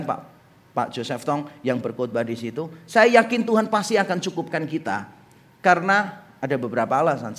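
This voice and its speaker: A middle-aged man preaching a sermon as pastor, acting out little dialogues and joking with the congregation. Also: on the high side. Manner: animated, acts out dialogue and jokes with congregation. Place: church hall.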